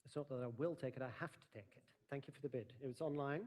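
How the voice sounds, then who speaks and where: A man's voice: mid-range voice, racing, darkish tone. A man working as an auctioneer, formally and courteously announcing lots and calling out bids at a live sale.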